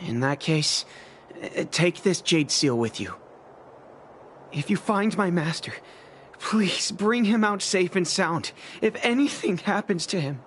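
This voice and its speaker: A man's voice: sits high, animated, measured pace, fairly bright tone, a little hiss or hum. An actor playing an anxious young male apprentice craftsman, talking in an earnest, worried way in a video game scene. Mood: pleading. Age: young adult. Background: faint game music.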